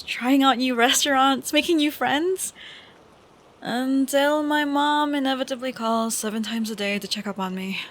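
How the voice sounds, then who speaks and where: In this intimate audio roleplay, a young adult woman plays a caring yet troubled college-age best friend, her pitch fairly high. She comes across as fond and wistful, talking gently, hesitantly and slowly with sighs while rain patters steadily behind her.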